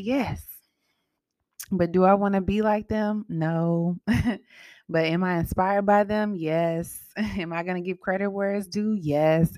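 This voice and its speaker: A woman's voice: low-pitched, no echo. A woman hosting an astrology podcast in a casual, emphatic way, often repeating her points and answering her own questions.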